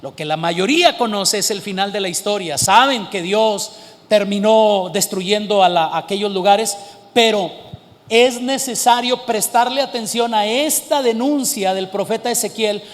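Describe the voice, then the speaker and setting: A male pastor delivers a sermon in a high voice, with a long hall reverb behind him. He slows down to press key words and at times rises into emphatic shouts. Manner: preaching, rising to emphatic shouts and slowing for stress.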